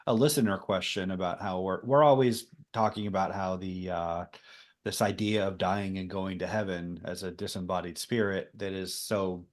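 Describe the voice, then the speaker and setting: A man co-hosting a podcast, explaining theology in a relaxed, conversational way with frequent ums. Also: low-pitched, moderate pace. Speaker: podcast co-host. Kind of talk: casual theology podcast discussion.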